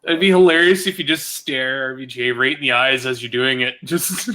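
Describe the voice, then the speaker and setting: A man's voice: medium pitch, normal speed, sharp tone. A man in casual podcast chat who laughs often and swears casually.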